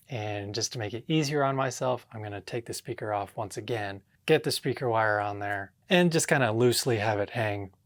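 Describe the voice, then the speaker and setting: Working in his indoor home theater room with a drop ceiling, a DIY vlogger casually narrates his hands-on project, talking to himself, thinking aloud and letting out short exclamations. He has a mid-range voice, and the recording is dry and studio quality.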